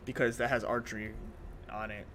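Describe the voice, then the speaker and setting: A man's voice: medium pitch, level tone, a little fast, fairly bright tone, a little hiss or hum. A man narrating and refereeing a tabletop role-playing game as game master, with playful, dramatic storytelling and casual language. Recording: music playing clearly behind the voice.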